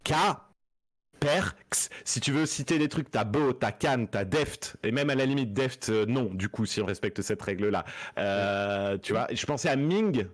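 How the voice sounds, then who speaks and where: A man's voice: mid-range voice, a little slow. A man chatting on a streamed panel show. He argues his point emphatically and keeps poking fun at himself. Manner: self-mocking, emphatic. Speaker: regular panelist. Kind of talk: casual streamed chat.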